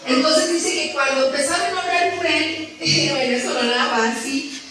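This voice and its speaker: A woman preaches in a church hall, her high voice carrying through heavy echo. She stands some distance from the microphone and tells her story in a conversational way, stopping often for rhetorical questions. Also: moderate pace, pushed and bright. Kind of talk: sermon. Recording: echoey room from far off the mic.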